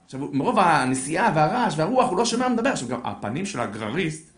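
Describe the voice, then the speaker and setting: A man telling a story to an audience in an animated way, building suspense and acting out the characters, in an echoey room. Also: fairly high pitch. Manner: lively, acts out voices, builds suspense.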